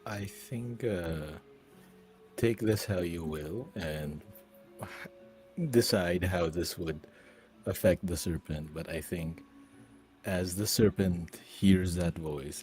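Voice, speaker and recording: A man's voice: low voice, slow pace, a little mellow, soft background music. A man casually talking through character reactions as a player in a tabletop role-playing game.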